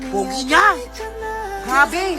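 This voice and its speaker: A woman narrating a comedy skit in a loud, excitable way, often shrieking and joking. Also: high voice, very slow, over music.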